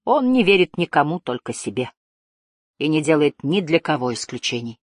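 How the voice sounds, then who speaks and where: A woman's voice: sits low, big pitch swings, moderate pace, dry recording, clean studio sound. A woman voicing a teenage boy hero, heated and accusing, his voice trembling. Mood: bitter.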